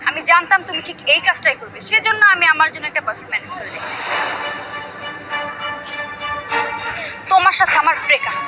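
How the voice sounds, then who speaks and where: A woman's voice: very high voice, very animated, poor audio. A woman playing a teasing young girlfriend. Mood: angry. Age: young adult. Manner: teasing, quick. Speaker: actress. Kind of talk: comic drama acting. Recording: dialogue over loud music and crowd.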